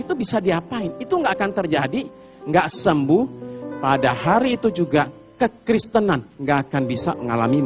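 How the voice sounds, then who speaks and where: Middle-aged male preacher, high and expressive, animated storyteller. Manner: animated storytelling, acts out Bible characters with shouted pleas. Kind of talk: sermon. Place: church hall.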